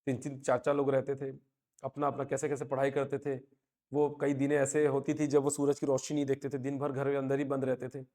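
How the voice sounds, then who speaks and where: A man's voice: medium pitch, a little mellow. A man in his thirties teaching a live online coaching class, talking to students in a motivating, conversational way.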